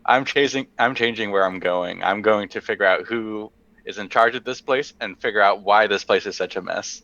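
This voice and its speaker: Male player, low pitch, sharp tone, deadpan delivery, muffled lo-fi sound. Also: moderate pace, dry recording. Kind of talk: playing a tabletop game.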